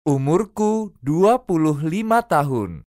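Slow, lively phrase-drill reader. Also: medium pitch, dry recording, clean studio sound. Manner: slow, careful, each phrase repeated three times. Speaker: language teacher.

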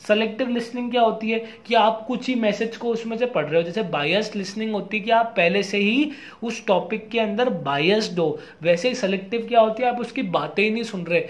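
A young adult man with a high voice teaches an exam-prep lecture in a casual blend of Hindi and English. He reads out English definitions slowly.

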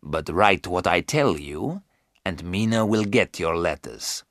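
A man voicing an old male vampire count who is courteous and menacing, speaking slowly and deliberately in a deep tone. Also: expressive, fairly bright tone, no room sound, studio quality, full character voice. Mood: smooth. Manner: slow, deliberate, commanding.

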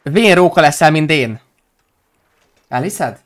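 A man's voice: on the high side, expressive. Playful teasing man streaming a role-play game. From Hungary. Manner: joking, teasing, playful rhymes.

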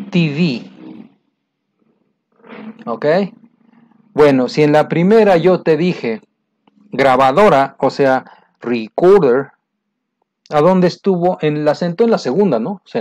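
A man with a slightly high, darkish voice teaches English in a recorded lesson, going through exercise answers. He explains patiently, repeating words and talking straight to the learner.

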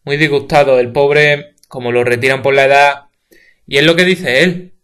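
A man's voice: medium pitch, steady tone, moderate pace, a bit bright, clear, resonant tone, lightly acted. A man with a Spain Spanish accent reading the part of a meek, pious middle-aged neighbor woman who complains of hard times. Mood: lamenting.

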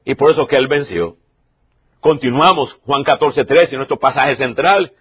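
A man in his sixties preaching a sermon as pastor, swinging from loud, emotional preaching to soft, quiet stretches. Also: medium pitch, expressive, moderate pace, slightly rough, lo-fi sound.

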